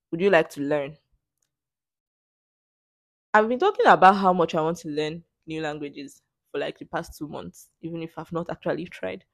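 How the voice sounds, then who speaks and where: On her casual solo podcast, a young Nigerian English-accented woman with a deep voice fields questions sarcastically and playfully, often laughing. There is no echo on the audio.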